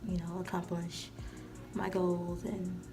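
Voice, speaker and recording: This twenty-year-old vlogger talks slowly, with a low-leaning voice and a completely flat delivery. Her casual tour wanders along, full of "like" and "you know," while background music plays.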